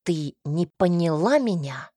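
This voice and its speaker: A woman's voice: sits low, measured pace, darkish tone, breathy edge, dry recording. A woman voicing a menacing, obsessive young man in an audiobook, speaking in a sugary, venomous, threatening tone. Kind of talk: audiobook character reading.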